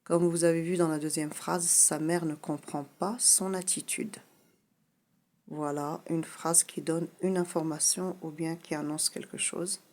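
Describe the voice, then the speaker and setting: Teacher type: middle-aged woman, low voice, slow and patient, explains step by step. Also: fairly even intonation, a little mellow. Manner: patient, repeats key points, says "voilà" often. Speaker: French teacher.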